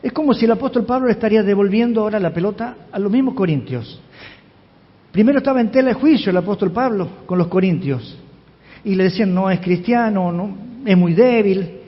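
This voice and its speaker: A man's voice: sits high, brisk. A man, a pastor giving an expository sermon and emphatically asking the congregation questions. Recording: reverberant hall, dull lo-fi sound.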